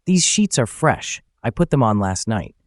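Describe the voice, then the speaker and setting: A man's voice: medium pitch, very animated, measured pace, dry recording, clean studio sound. A man voicing a tearful, guilty wife who pleads and apologizes in a storybook narration. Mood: pleading.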